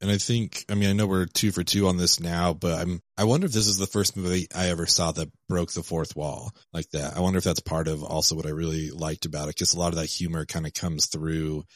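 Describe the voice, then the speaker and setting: A man's voice: low-pitched, steady tone, brisk, hardly any pauses, no room sound, clean studio sound. A man co-hosting a casual movie podcast, speaking with enthusiasm and quoting favorite lines. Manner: enthusiastic, laughs often, quotes lines. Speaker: podcast co-host.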